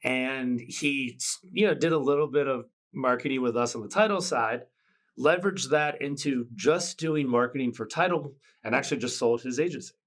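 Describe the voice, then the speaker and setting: A man hosts a podcast interview, asking questions and nodding along with quick yeahs. His voice is mid-pitched and conversational. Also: a bit bright. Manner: agreeable, prompts with many yeahs. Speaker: podcast host.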